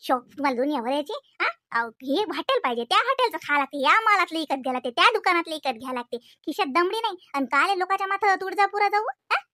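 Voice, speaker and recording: A woman playing a shrill, sharp-tongued village mother with a Vidarbha accent. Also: animated, quick pace, hardly any pauses, no room sound, studio quality, full character voice. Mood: indignant. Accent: Vidarbha Marathi. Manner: scolding, nagging, repeating "हा?". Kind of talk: cartoon comedy voice acting.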